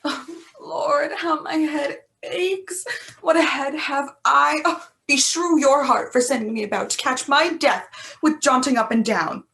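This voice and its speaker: A woman's voice: sits high, expressive, moderate pace, fairly bright tone. A woman acting a weary old nurse who sighs and complains, in an amateur Shakespeare reading. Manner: sighing, complaining, drawn out. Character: grumbling old female nurse, weary and teasing.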